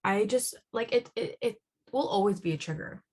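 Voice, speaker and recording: A woman at an ordinary middle pitch recounts her own painful past as a podcast guest. She speaks earnestly and haltingly, with frequent restarts and repeated words as she searches for what to say. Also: darkish tone, slight background noise. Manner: earnest and heartfelt. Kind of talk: emotional personal testimony.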